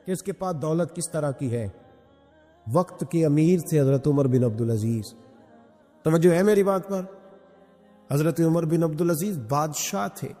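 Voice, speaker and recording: A man preaching a sermon, his voice pitched a touch high and carried by a long hall reverb. He hammers his points home with sharp rhetorical questions, and faint music lies beneath him. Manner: emphatic, fires rhetorical questions at the crowd. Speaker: religious preacher.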